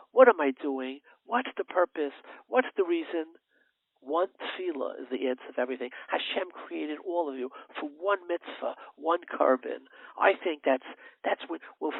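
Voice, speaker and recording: A man hosting a religious radio talk show, telling a story with lively swings between loud emphasis and hushed narration. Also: fairly high pitch, vocal fry, dry recording. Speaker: radio host. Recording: narrow phone-line sound, dry.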